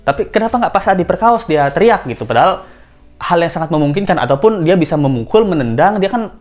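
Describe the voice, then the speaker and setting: This is a woman commenting casually for an online audience. Her voice sits low but moves a lot, rising and falling through her questions. She slips into little acted-out quotes, and soft music plays faintly behind her. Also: expressive, fast talker. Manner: chatty, rhetorical questions, acts out quoted lines. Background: faint background music.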